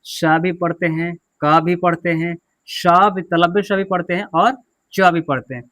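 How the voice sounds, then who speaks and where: Male teacher, high voice, quizzing and drilling the class. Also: steady tone, unhurried, a bit bright. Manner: drills with repeated questions and answers. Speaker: English teacher. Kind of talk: classroom pronunciation lesson.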